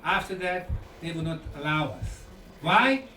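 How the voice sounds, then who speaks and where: A Bosnian lecturer and researcher, whose native tongue is Bosnian, gives a conference talk in a really animated high voice. He speaks in short, deliberate bursts with dramatic pauses and rhetorical questions, and the far-off mic makes the lecture room sound roomy and echoey, with faint noise.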